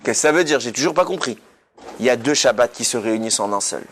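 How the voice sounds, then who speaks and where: A man's voice: medium pitch, expressive, quick pace. A man giving a passionate sermon, emphatic and sprinkling in Hebrew terms. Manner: emphatic, rising to near shouts; mixes Hebrew terms into casual speech. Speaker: rabbi giving a weekly Torah talk.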